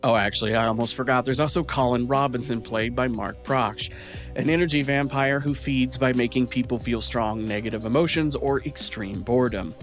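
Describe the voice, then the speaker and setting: A man delivers scripted review narration as a video host. His pitch sits in the middle of the male range, and soft music plays behind him. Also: moderate pace.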